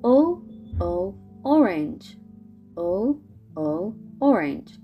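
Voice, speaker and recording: A young woman teaching a casual video lesson, talking to viewers in a friendly way and sounding out letters slowly. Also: medium pitch, sing-song, muffled recording, soft background music. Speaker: English teacher.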